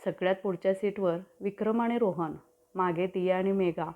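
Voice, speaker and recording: A woman storyteller reads a romance aloud in a steady, descriptive way, at an ordinary pitch for her. Her voice comes through thin and tinny, like a phone line. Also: moderate pace. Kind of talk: scripted story narration.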